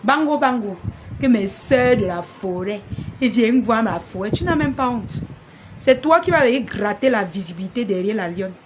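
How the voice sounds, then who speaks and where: A woman blogger speaks on a live stream, scolding and confronting a rival in repeated, insistent phrases. Her voice sits slightly high. Clear noise hums behind her throughout. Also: animated, normal speed. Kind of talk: live-stream rant to viewers. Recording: noisy background.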